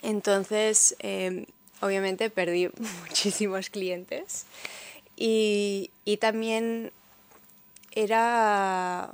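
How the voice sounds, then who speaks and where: A woman's voice: medium pitch, steady tone, drawn-out words, clear, resonant tone. A young woman with a mixed Spanish and Peruvian accent, chatting casually and telling her story in Spanglish. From born in New York, Peruvian and Spanish parents. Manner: Spanglish, dropping English words into Spanish. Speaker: interview guest, model and sustainable fashion advocate.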